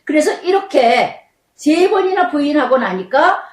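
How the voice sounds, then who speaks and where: A woman's voice: high voice, very animated, a little slow. An older woman pastor giving a sermon, telling a personal testimony and acting out remembered quarrels with strong emotion. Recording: echoey church hall, mic at a distance.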